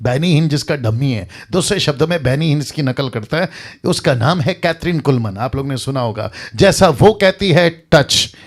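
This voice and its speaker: A man's voice: on the high side, lively intonation, moderate pace. Pastor guy preaching hard, repeats himself for punch, voice swings up and down a lot. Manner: emphatic, preachy, mixes English phrases, repeats lines for effect. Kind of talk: sermon.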